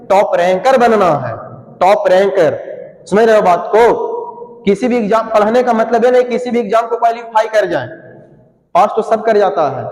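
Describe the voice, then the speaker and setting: A man with a high voice teaches English grammar to a class, asking the same question again and again and answering it himself to drill the pronunciation. His voice rings around an echoey room with a long reverb tail. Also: a little mellow. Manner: drills pronunciation with repeated call-and-response questions.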